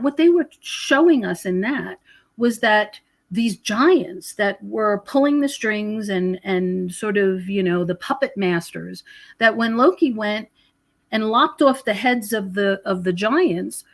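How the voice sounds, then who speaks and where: Her intonation lively and her pace a little slow, an American woman explains her ideas emphatically yet conversationally as a podcast guest. She researches prophecy and UFOs and speaks in a medium pitch.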